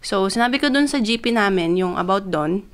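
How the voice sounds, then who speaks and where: A young woman with a smooth, clear voice at an everyday middle pitch. She tells a personal story in a loose, chatty vlog, switching between Tagalog and English with plenty of fillers, and she gets more excited as she goes. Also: brisk. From Philippines. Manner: grows excited as she retells. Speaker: vlogger. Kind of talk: casual personal testimony.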